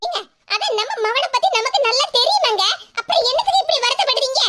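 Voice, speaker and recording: Heavily acted and expressive, the voice is very high, quick, bright and forceful. A voice actor brings a worried middle-aged cartoon wife and mother to life in Kanyakumari Tamil, pleading, coaxing over and over, and fretting to herself for comedy.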